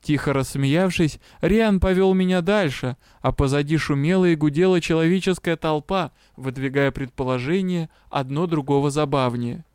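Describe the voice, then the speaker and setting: Brief: male audiobook narrator, resonant clear voice, close dry studio sound. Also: fairly high pitch, normal speed, hardly any pauses, darkish tone, no room sound. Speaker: audiobook reader. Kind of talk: fantasy novel narration.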